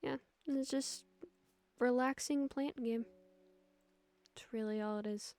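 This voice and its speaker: A young adult woman streaming a relaxed game, reading its text aloud with dry, wry asides. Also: a little high, takes it slowly. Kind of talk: casual game commentary.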